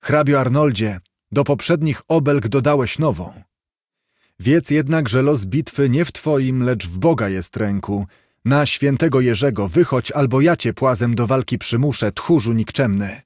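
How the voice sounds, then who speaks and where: A man's voice: medium pitch, unhurried, a little mellow, no room sound, clean studio sound, close to an everyday voice. A man voicing a brave, dignified young boy knight who speaks firmly and earnestly in a storybook reading. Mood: defiant. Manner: firm, earnest.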